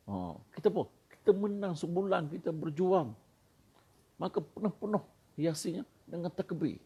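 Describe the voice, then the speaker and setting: A man's voice: high voice, moderate pace, dark tone, breathy edge. A male preacher with a Malaysian Malay accent, giving a sermon in which he often calls his listeners "tuan" and chants Arabic phrases with rising and falling emphasis.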